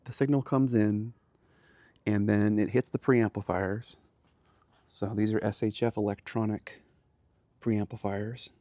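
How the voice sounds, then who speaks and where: Touring outside a house and then through a garage and small radio room, a male amateur radio hobbyist hosts in a plain-spoken, casual manner. He speaks unhurriedly with long pauses, in a lowish, warm voice with fairly even intonation and no echo.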